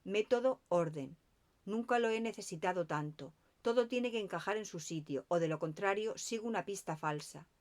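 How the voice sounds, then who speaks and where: A woman's voice: medium pitch, normal speed, darkish tone, lightly acted. A woman reading the lines of a meticulous Belgian male detective in an audiobook, with precise, insistent questioning. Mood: earnest.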